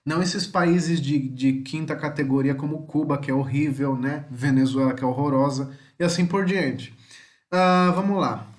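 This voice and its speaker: A man with a Brazilian Portuguese accent teaching a homeschool language lesson in a chatty way, full of tag questions, sounding out example words slowly. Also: fairly high pitch, steady tone, roomy sound. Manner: chatty, many tag questions, slow deliberate word examples.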